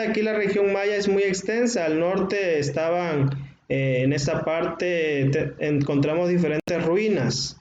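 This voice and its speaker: A man with a Mexican accent, a history teacher lecturing to his class and explaining slowly, stretching out words, with frequent filler sounds. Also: high-pitched, a little mellow. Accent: Mexican Spanish. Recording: roomy, dull, faintly noisy.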